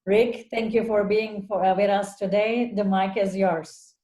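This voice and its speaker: A woman's voice: medium pitch, fairly even intonation, measured pace, dark tone. A woman from Turkey hosting an online webinar, introducing the guest speaker with frequent hesitations and fillers over a video call. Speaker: webinar moderator. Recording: roomy echo.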